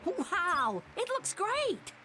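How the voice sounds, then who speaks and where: A woman voicing an excited, admiring young festival fan in a video game, gushing in exclamations. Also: very high voice, drawn-out words, heavily acted. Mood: thrilled. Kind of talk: animated video game voice acting. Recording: music behind the voice.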